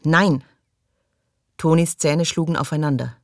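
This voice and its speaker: A man reading an audiobook aloud in measured, dramatic storytelling. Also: on the high side, no echo, studio quality. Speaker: audiobook reader. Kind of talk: scripted narration.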